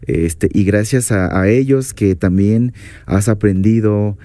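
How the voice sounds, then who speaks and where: Very deep-voiced woman radio host. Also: slow pace, dark tone, no room sound. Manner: attentive, repeats the guest's words. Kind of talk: radio interview.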